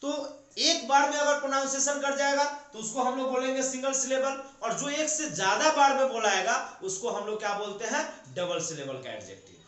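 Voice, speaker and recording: Male teacher, high-pitched, patient step-by-step classroom delivery, very echoey room. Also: brisk, a bit bright. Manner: explains step by step with questions he answers himself. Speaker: English teacher. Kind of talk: classroom grammar lesson.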